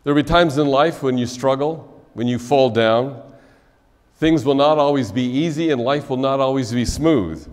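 Older man preaching a wedding sermon, reverberant. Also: mid-range voice. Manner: measured preaching, soft drop at phrase ends. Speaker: wedding officiant. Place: church sanctuary, indoors. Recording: long church reverb.

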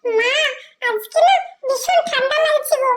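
In a doll role-play vlog, a woman voices a playful little boy god who complains about a cold bath, whining and pleading before bursting into giggles. Her voice is a high, childish, giggly squeal at normal speed, with a little hiss or hum in the background.

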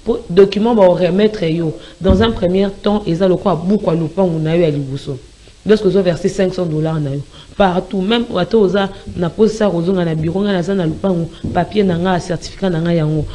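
A woman with a Congolese accent, speaking as a spokesperson in an interview and making an emphatic, repetitive promotional pitch. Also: mellow, a little hiss or hum. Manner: emphatic and repetitive, mixing French and Lingala.

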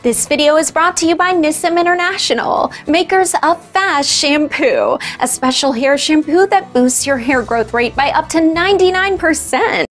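High-voiced young woman presenting. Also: animated, normal speed, few pauses, faint music behind. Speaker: host. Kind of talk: scripted presenter talk.

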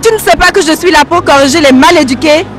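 A woman's voice: high voice, expressive, moderate pace, fairly bright tone, soft background music, a faint crowd. A haughty scolding young woman. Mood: arrogant scolding. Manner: scolding, arrogant.

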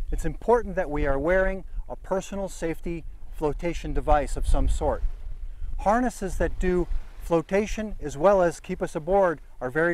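A man's voice: a little high, rough recording. Earnest middle-aged man teaching sailing safety. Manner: earnest, deliberate, emphatic, demonstrates gear with his hands. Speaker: sailing instructor. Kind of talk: on-camera safety instruction. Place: deck of a sailboat at sea, outdoors.

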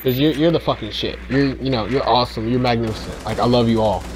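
A man's voice: mid-range voice, quick pace, slight background noise. A young man talking casually to his channel's viewers in a rambling, profane way, then calling out gameplay. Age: young adult. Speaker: YouTuber. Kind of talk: casual vlog and gameplay commentary.

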